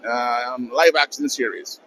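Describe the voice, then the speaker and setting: A Mexican man with a thick Mexican Spanish accent hosts a channel and interviews fans casually in a busy convention hall, friendly and a bit stammering. His voice is medium-pitched, steady, fairly bright, and slightly slow, with some background noise.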